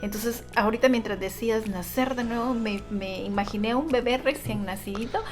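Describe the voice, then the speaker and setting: A woman's voice: fairly high pitch, a little fast, loud music behind the voice. Woman co-host. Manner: reflective, builds on the guest's points.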